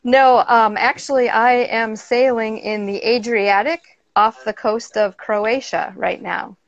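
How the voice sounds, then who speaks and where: A woman's voice: a little high, fairly even intonation, a little slow. Bubbly Minnesota woman on a video call. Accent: Minnesota American. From Minnesota, USA. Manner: bubbly, laughs often. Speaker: guest. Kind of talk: casual interview chat. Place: on a sailboat. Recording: dry, dull video call audio.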